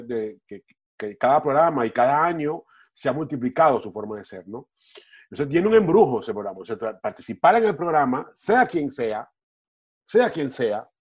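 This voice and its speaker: A man's voice: mid-range voice, highs cut off. A middle-aged man, a football TV panelist talking casually on a podcast, rambling and restarting his words. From Venezuela.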